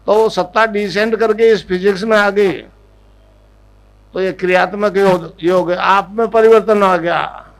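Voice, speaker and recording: A man giving a devotional discourse as a spiritual guru, teaching in an instructive way, often checking that listeners have understood and repeating a chant slowly for them to follow. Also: high-pitched, fairly even intonation, rough recording.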